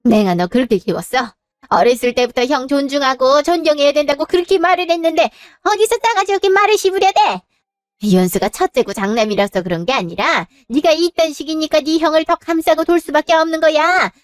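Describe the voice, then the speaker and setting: A woman's voice: high voice, lively intonation, normal speed, no room sound, studio quality. A woman playing a domineering scolding mother. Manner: scolding, indignant. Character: domineering older mother who favors her eldest son. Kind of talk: dramatized story narration.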